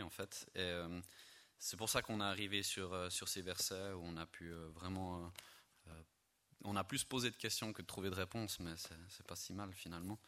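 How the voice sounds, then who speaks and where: A man with a low-pitched yet bright, forward voice leads an informal Bible study, stumbling through fillers and self-corrections. His talk is chatty and self-deprecating, stopping often to restart his sentences. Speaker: lay preacher introducing a Bible study theme.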